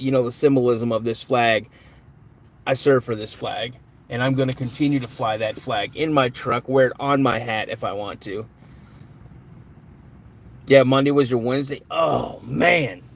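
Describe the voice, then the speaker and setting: A man hosting a live stream in a casual, chatty way, greeting viewers by name and answering their comments. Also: medium pitch.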